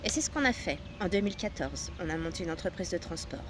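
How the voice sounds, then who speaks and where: A woman in her thirties, a personal development coach, narrating her own story in a measured, earnest way with occasional hesitations. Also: on the low side. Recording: steady background noise with passing traffic.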